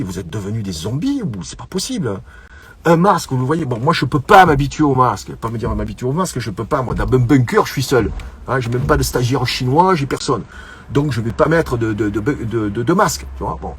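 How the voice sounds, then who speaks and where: A man's voice: medium pitch, a little hiss or hum. A middle-aged man hosting his own online show, rambling casually to his viewers, repeating words and stumbling as he goes. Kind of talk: casual solo monologue to viewers.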